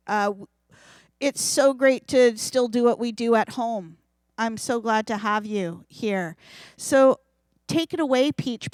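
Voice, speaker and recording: A woman informally introducing a live stream as its host, halting and effusive in an excitable way. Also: fairly high pitch, clean tone, no room sound. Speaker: event host and organiser.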